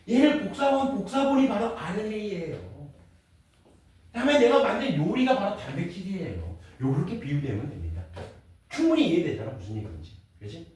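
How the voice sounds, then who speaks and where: A man's voice: sits high, dark tone. A male teacher lecturing informally, explaining in very simple steps as if to a child and checking that listeners follow. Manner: repeats key points, checks for understanding with short questions. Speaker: science teacher. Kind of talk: classroom lecture. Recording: echoey room, distant mic, faint noise.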